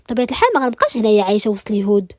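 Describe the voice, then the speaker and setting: A woman voicing a cold, menacing male agent who holds a captive, speaking in a flat, icy way. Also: medium pitch, rapid-fire, dry recording, clean studio sound, natural voice.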